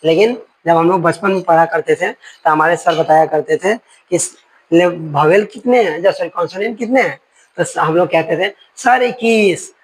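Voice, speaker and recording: A man teaching a grammar lesson, his voice sitting a little high with a husky edge. He explains through homely comparisons and keeps checking that the class follows along. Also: normal speed, poor audio. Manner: explains with folksy analogies and asides, checking in often.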